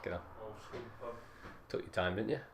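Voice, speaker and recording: A man commentates on a pool match in a relaxed, chatty way. His voice sits low. A faint hiss of noise runs underneath. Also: normal speed, gravelly. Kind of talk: casual live commentary. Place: pool hall commentary spot.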